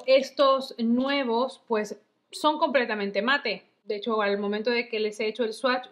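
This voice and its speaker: A woman reviewing makeup in a chatty, casual way, full of diminutives. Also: fairly high pitch. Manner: chatty, uses many diminutives. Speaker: beauty vlogger.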